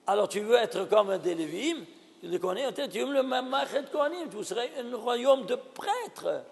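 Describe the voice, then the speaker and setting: An animated rabbi, a man, teaches in a hall with a long, lingering reverb. His voice sits very high with a gravelly edge, and he keeps exclaiming and putting questions to his listeners. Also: normal speed. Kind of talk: Torah lesson.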